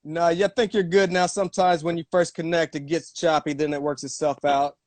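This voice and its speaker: A man's voice: fairly high pitch, flat delivery, fairly quick, dry recording. A man hosting a casual interview on a live video call, asking laid-back questions padded with fillers. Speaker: interview host.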